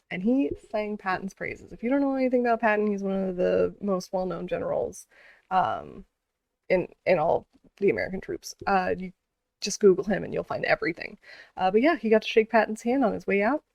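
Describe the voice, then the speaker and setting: A woman's voice: mid-range voice, sing-song, a little fast, vocal fry, no echo, dull audio. A woman vlogger telling a story in a casual, earnest way, with many fillers and restarts.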